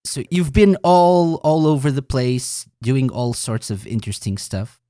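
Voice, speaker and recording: A man's voice: medium pitch, lively intonation, unhurried, dark tone, clear, resonant tone, no echo, clean studio sound. A man hosting a podcast, reading a scripted intro and then chatting with a guest in an upbeat way. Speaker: podcast host. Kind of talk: scripted intro then casual interview chat.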